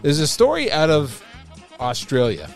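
A man co-hosting a casual podcast, telling stories with a lively, swooping voice and frequent laughter. His pitch sits on the high side. Faint music plays behind him. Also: a little slow, creaky. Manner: laughs often, animated storytelling. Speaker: podcast co-host. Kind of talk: casual chat.

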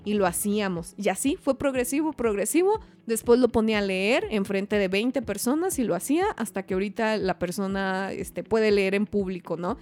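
A woman from Chihuahua, hosting a podcast in lively, slangy casual chat with faint music behind. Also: mid-range voice, moderate pace, hardly any pauses. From Chihuahua, Mexico. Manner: chatty, animated, laughs often, slangy. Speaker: podcast host.

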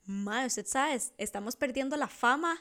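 A woman's voice: high-pitched, moderate pace, sharp tone. A young woman with a Costa Rican accent co-hosting a podcast, chatting in a playful, self-mocking, slangy way. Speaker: podcast co-host. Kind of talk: casual chat.

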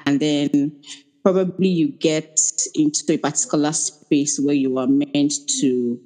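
A woman's voice: deep voice, fairly even intonation, measured pace, dark tone, rough recording. A Nigerian woman, a newcomer, politely asking a hesitant question in a live audio chat. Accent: Nigerian English. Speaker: caller, newcomer to the field.

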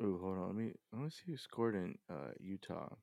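Man, casual podcast co-host, low voice, dry close sound, rambling and swearing. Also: a little fast, gravelly, dry recording. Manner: swearing, excitable, rambling with fillers.

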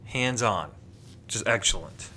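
A man co-hosting a podcast in casual chat, easygoing and quick to laugh. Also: on the low side, lively intonation, sharp tone, slight background noise. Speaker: podcast co-host.

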